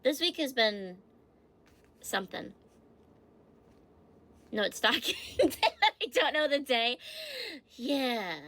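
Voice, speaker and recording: A woman chats casually on her livestream, reading fun facts aloud and stopping to answer her chat with small giggles. Her voice sits a touch high and has a sharp, bright edge. She sounds a little stuffy from allergies. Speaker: streamer.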